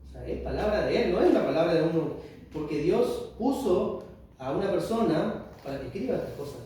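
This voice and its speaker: Rioplatense male lay preacher, earnest testimony, slightly high voice, distant mic, faint noise. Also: expressive, mellow, very echoey. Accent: Rioplatense Spanish. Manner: earnest, reads scripture slowly and emphatically. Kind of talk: informal sermon testimony.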